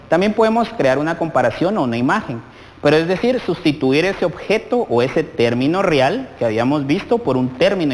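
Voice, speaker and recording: Lively-voiced man teaching children. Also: on the high side, in a large hall, rough recording. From Guatemala. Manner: asks many questions directly of the child viewer. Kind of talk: televised lesson for children.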